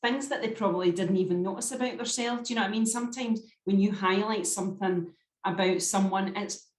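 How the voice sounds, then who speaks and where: A woman's voice: medium pitch, brisk. A woman in her forties, a skincare expert guest on a podcast, telling stories in a chatty way and often checking that she is understood. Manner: chatty storyteller, often asks "do you know what I mean". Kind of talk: casual podcast chat. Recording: roomy echo.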